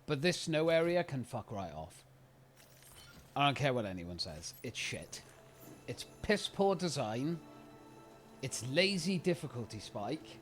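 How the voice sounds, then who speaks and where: A British man doing casual live-stream commentary over a game, full of exasperated, profane ranting. His pitch swings widely as he talks, and faint game music plays behind him. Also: very animated, unhurried, pauses often. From United Kingdom. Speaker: streamer playing a video game.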